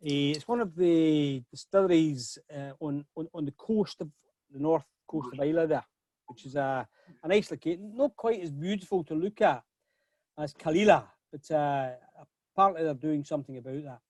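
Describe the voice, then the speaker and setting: A man's voice: on the high side, normal speed, a little mellow, dry recording. A middle-aged man hosting a whisky tasting over a video call, chatty and often repeating words as he starts a sentence. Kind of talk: casual online tasting talk.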